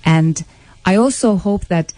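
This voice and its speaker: A woman's voice: lowish voice, unhurried, dark tone, dry recording. A woman from Finland, a guest on a radio interview, explaining her project earnestly and at length. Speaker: guest, social entrepreneur. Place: radio studio.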